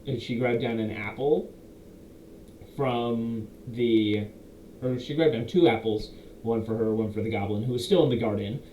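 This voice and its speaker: A man's voice: mid-range voice, dark tone. A young man in a casual, rambling monologue, recapping a tabletop campaign as its game master and correcting himself as he goes. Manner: rambling, self-correcting, quotes players in quick asides. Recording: roomy echo, faint background hiss.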